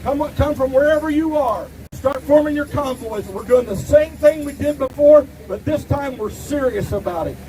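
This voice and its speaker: A middle-aged man from Ohio giving a defiant rally speech outdoors, shouting at times. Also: extremely high pitch, normal speed, hardly any pauses. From Ohio, USA. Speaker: rally speaker. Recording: distant mic, crowd and street noise.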